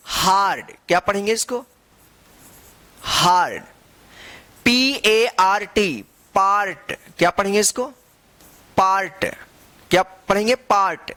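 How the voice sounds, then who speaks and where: A high-sitting male voice, bright and pushed, comes through a dry recording. During an English reading lesson he spells each word letter by letter, asks his class how it's read, and replies to his own question by reading it again and again.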